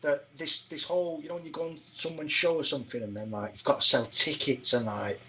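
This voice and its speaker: A man's voice: a little high, steady tone, fairly quick, bright, forceful tone, low-quality recording. A man, a podcast guest telling fight stories in casual chat, swearing often and asking "do you know what I mean".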